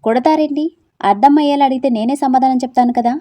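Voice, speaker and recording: Woman doing a clueless sweet young heroine, higher voice, mellow tone, for an audio story. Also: quick pace, no echo, close to an everyday voice. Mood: baffled. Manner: wide-eyed, puzzled questioning. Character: naive, innocent young woman student.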